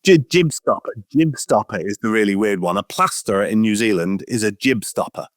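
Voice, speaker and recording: A man's voice: on the low side, lively intonation, moderate pace, dry recording, studio quality. A middle-aged man from Wales, a veterinary professor talking in a casual podcast interview, earnest and often repeating words as he thinks.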